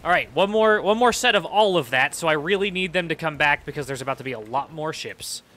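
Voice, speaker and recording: A young man streaming a video game, excitably talking to himself as he plays. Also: fairly high pitch, brisk, slight background noise. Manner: excitable, talks to himself while playing. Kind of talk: live gameplay commentary.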